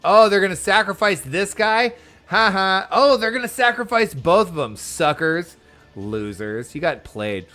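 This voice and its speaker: A man streaming a game with casual, excitable commentary, reading the dialogue aloud as he plays. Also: sits high, a little slow, faint music behind. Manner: excitable, exclaims and laughs often; reads on-screen dialogue aloud.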